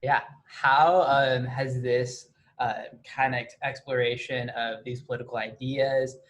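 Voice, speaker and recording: A man's voice: medium pitch, level tone, unhurried, a bit bright. A man interviewing an artist in a casual, chatty way, filling his questions with "like". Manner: chatty, heavy use of like.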